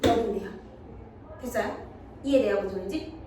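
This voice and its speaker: A woman teaching middle school math in a classroom, often stopping to check whether students follow. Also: mid-range voice. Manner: checks understanding with quick questions to students. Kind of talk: classroom lecture. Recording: very echoey room, mic far off, faint noise.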